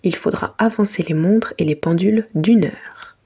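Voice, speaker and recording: A woman reading a children's storybook in a soft, breathy library whisper, gently and without hurry, in an ASMR style. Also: fairly low pitch, moderate pace, slight background noise.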